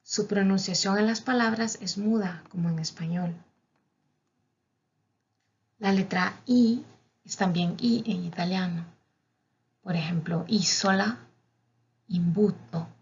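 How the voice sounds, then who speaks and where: A woman's voice: mid-range voice, a little slow, pauses often, breathy edge. A woman teaching a language lesson, carefully spelling out each letter and example word. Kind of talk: slow, methodical teaching. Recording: dull, lo-fi recording.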